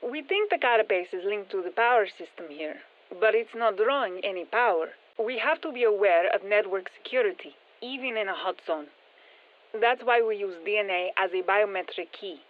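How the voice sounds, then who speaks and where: This female video game character is a brisk, sharp-minded scientist and engineer studying an alien parasite, and she briefs operators in a matter-of-fact, technical way. The actress speaks at medium pitch with a Spanish accent. Her voice is processed into thin, band-limited radio sound with a bit of long hall reverb.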